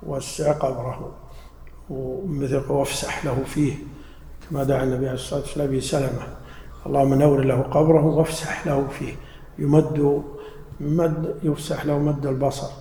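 A man's voice: medium pitch, flat delivery, moderate pace, vocal fry, long pauses, warm tone, slight background noise. A man giving an explanatory religious lesson. He asks his listeners questions and then answers them himself. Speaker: religious teacher. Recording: roomy hall with long reverb.

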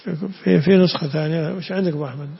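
A man's voice: on the high side, very fast, vocal fry, breathy edge. A man teaching a religious lesson, reading a text aloud, explaining it and putting questions to his students. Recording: echoey hall, dull lo-fi sound.

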